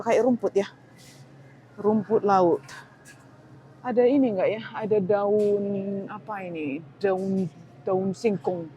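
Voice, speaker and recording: A woman's voice: a little high, warm tone, a little hiss or hum, poor audio. Chatty woman vlogging in a supermarket. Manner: chatty, thinking aloud while shopping, exclaiming at prices. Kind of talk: casual shopping vlog narration. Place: supermarket, indoors.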